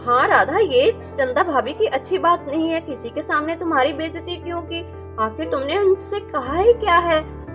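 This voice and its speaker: A woman voicing a calm village farmer man who mediates family quarrels in a doll video role-play. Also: very high-pitched, normal speed, over music. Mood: coaxing. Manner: reasoning, mediating.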